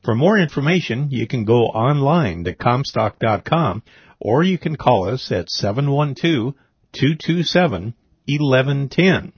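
A man's voice: medium pitch, lively intonation, unhurried, slightly rough, dry recording. A man presenting scripted radio commentary as a report host. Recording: dry, slightly dull audio.

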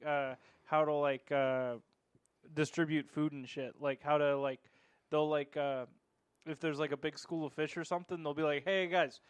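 A young man chatting loosely on a podcast, full of fillers and half-finished thoughts. His voice sits a bit high and the sound is dry and close, with no room around it. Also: little pitch movement, normal speed, smooth, no echo. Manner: rambling, lots of fillers, laughs easily. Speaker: podcast co-host. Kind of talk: casual chat.

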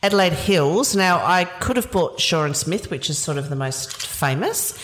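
A woman leading a casual wine tasting, chatty and knowledgeable, explaining flavours with quick laughs. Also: fairly low pitch, animated, noisy background. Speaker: wine educator.

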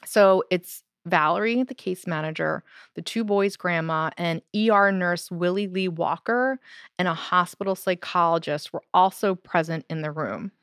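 A woman co-hosting a podcast, casually telling a true spooky story, animated and laughing now and then, with lots of "so" and "like". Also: on the low side, moderate pace, dry recording, studio quality.

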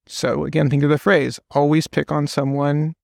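A man's voice: on the high side, level tone, moderate pace, gravelly, no echo, clean studio sound. A man, a podcast guest, explaining at length in casual conversation and telling stories with quoted voices.

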